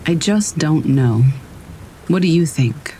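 A narrator reads scary stories in a steady, measured way, the pitch sitting right in the middle. Faint rain patters behind the voice throughout. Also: background noise. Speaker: narrator reading horror stories. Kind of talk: scripted storytelling narration.

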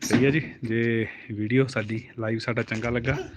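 A man live-streaming as he plays with his toddler, switching between high playful baby talk and a relaxed aside to viewers. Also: moderate pace, background noise. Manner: playful baby talk, high and animated when talking to the child. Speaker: vlogger.

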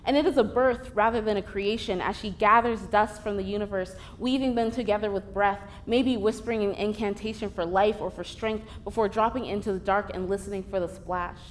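A young woman from Columbus, an essayist, reading her own essay aloud on stage at a stand mic in a deliberate, vivid way. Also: mid-range voice, steady tone, slight background noise. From Columbus, Ohio. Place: theater stage.

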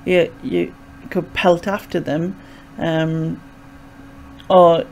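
Low, creaky Sunderland woman. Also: steady tone, drawn-out words, darkish tone. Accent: Sunderland Mackem. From North East England. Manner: hesitant, rambling, chatty. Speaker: vlogger. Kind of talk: casual explanatory chat. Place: small bedroom indoors. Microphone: desk microphone with pop filter, close.

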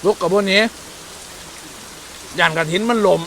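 A man with an Isan accent, vlogging a meal outdoors in the rain, loud and excitable and exclaiming often. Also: sits high, normal speed, creaky, slight background noise. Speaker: food vlogger. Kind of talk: casual outdoor cooking vlog.

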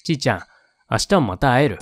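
A man voicing a timid young girl from a strict old family in a spoken horror game, talking in a hesitant, quiet way. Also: mid-range voice, expressive, quick pace, a little hiss or hum, close to an everyday voice. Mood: eager.

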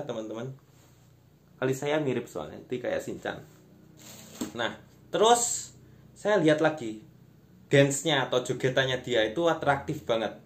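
A young Indonesian man with a medium-pitched voice delivers a conversational, self-deprecating stand-up monologue to camera in a small room at home, often calling his listeners friends. He's an amateur comedian, and there's a little hiss or hum.

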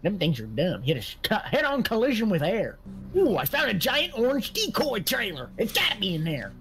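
A man playing a bumbling, indignant sheriff in game roleplay, with a husky, cracking voice. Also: high voice, wildly swooping pitch, brisk, a bit bright, slight background noise, full character voice. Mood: mocking. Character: excitable, bumbling, indignant Southern male sheriff. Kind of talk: improvised online game roleplay.

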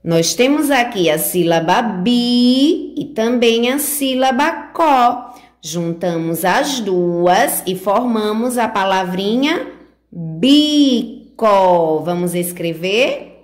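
Woman teacher from brazil walking little kids thru letter strokes, really slow and sing-songy. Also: fairly high pitch, expressive. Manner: slow, sing-song teacher talk with diminutives, guiding each stroke. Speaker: preschool teacher. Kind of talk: remote handwriting lesson for young children.

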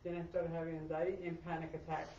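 A woman from Florida sharing her story in a church group, quick and grateful. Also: sits low, level tone, dark tone, a little hiss or hum. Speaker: group member. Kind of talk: personal sharing. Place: meeting room. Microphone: far camera. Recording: echoey room, distant and dull.

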